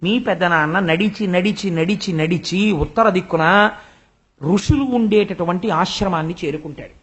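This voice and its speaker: Older man giving an animated spiritual discourse. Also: sits high, normal speed, husky. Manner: animated storytelling, acts out quoted voices. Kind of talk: Telugu religious discourse. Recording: dull lo-fi recording.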